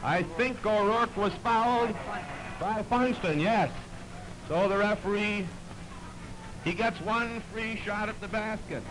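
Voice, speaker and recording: Man, high voice, steady basketball play-by-play, heard on a noisy early 1930s archive recording. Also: takes it slowly. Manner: plain, steady play-by-play calling. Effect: early 1930s archive recording played back. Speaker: basketball commentator. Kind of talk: live play-by-play commentary.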